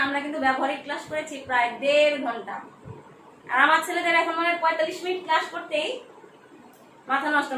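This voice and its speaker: Middle-aged woman lecturer, high bright voice, motherly and chatty with her students, recorded from a distance in an echoey room. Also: slight background noise. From Bangladesh. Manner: frequent filler sounds. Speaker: geography lecturer. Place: room at home.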